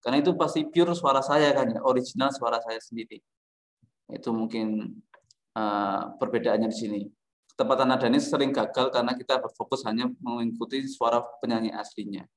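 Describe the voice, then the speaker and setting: A male teacher giving a music lesson, joking and teasing his students between explanations. His voice sits at an ordinary pitch, and it rings around a bare, echoey classroom. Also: steady tone, brisk.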